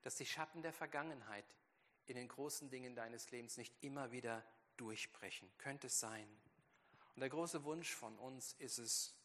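A pastor preaches a sermon with strong emphasis, his medium-pitched, fairly bright voice moving at a normal speed. He acts out biblical quotes in a raised, heightened voice. The recording carries a long hall reverb.

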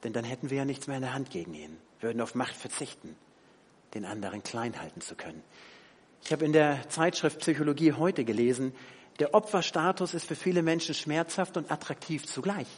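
A man preaching a sermon, animated, swinging between loud emphasis and quiet asides. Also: mid-range voice, a little fast, slightly rough. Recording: long hall reverb.

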